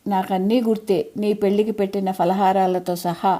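Woman voicing a proud, sharp-tongued old mother. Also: medium pitch, level tone, moderate pace, natural voice. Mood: wry chiding. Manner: chiding, wry, old-fashioned homely speech.

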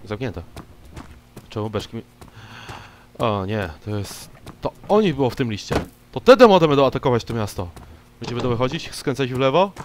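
A young man giving casual, joking commentary while he plays a game, talking to its characters and breaking into loud excited yelps. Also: mid-range voice, fairly quick. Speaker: gameplay commentator. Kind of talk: casual let's-play commentary. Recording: old mic with clear background noise.

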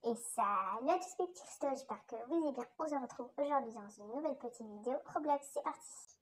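A woman's voice: high voice, animated, quick pace, slight background noise, voice pushed up. A woman talking through a voice changer filter, giving a chatty video intro as a gaming YouTuber. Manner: chatty, bubbly greeting to viewers.

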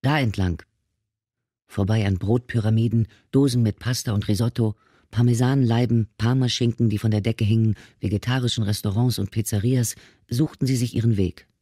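A man narrating an audiobook in a steady, measured reading. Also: on the low side, dry recording, clean studio sound. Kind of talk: scripted narration.

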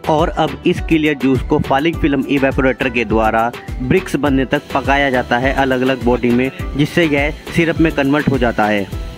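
A man talks through each stage of a factory process in a steady, informative way. His pitch sits in the middle. Faint music plays underneath. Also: normal speed. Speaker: vlogger explaining a factory. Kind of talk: explanatory voice-over narration.

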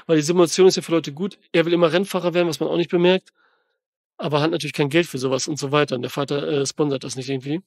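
A man hosting a film podcast, rambling excitedly and slangily as he retells and tears apart a movie in casual chat. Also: on the high side, rapid-fire, vocal fry, dry recording, studio quality.

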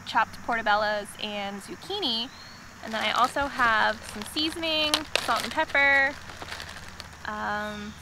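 A young woman talks to a handheld camera at a wooded campsite, chatty and upbeat, dropping plenty of fillers. Her voice sits a little high. The outdoor audio carries a clear layer of woodland noise. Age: young adult. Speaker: moto-camping vlogger. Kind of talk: casual vlog narration to camera. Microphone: handheld camera at arm's length. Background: outdoor woodland ambience.

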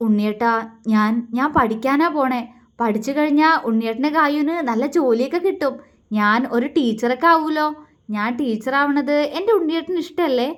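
A woman's voice: high voice, normal speed, close to an everyday voice. A woman playing a sweet, coaxing young wife. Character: affectionate, playful young wife.

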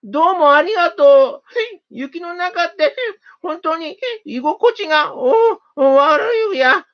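A storyteller voicing a cheerful little male mouse who chatters quickly in a squeaky voice, in a storybook reading. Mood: relieved. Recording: dull lo-fi recording.

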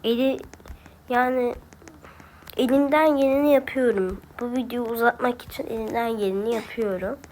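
This is a woman's slightly high voice at normal speed, with a darkish tone and a bit of hiss or hum in the audio. As a gameplay streamer with a Turkish accent, she grumbles and talks to herself while playing, giving casual commentary.

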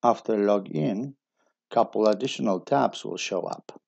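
A man giving a steady step-by-step technical tutorial as a voice-over. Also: on the low side, unhurried, vocal fry, slightly rough, dry recording, lo-fi sound. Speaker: instructor.

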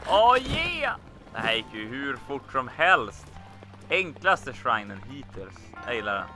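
A man casually commenting on his own gameplay, chatty and excitable, talking to himself as he plays. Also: mid-range voice. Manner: chatty, excitable, talks to himself while playing. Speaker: let's play host. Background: video game music.

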